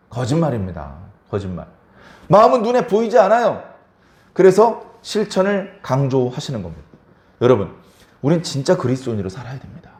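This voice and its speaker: Male pastor, sermon, emphatic and repetitive, somewhat high voice, echoey sanctuary. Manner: emphatic, repeats key words, asks the congregation questions.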